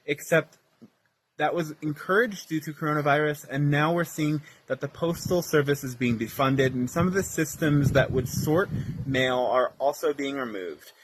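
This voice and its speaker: A man's voice: on the high side, normal speed, slight background noise. A man from Pennsylvania politely and earnestly reading out a prepared question. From Pennsylvania, United States. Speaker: viewer with a recorded question.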